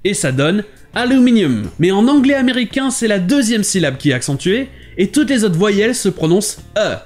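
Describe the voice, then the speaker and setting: Man, vocabulary teacher, lively intonation, clear explanations, quiet music underneath. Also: high-pitched, fairly quick. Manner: clear, didactic delivery, switching between languages. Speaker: language teacher. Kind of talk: short explainer lesson.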